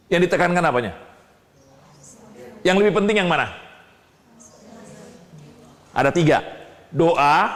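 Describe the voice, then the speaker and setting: Male preacher, fairly high voice, animated call-and-response teaching style, long hall reverb. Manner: asks the audience questions and answers them himself; animated, swings between low asides and high exclamations. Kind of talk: sermon teaching.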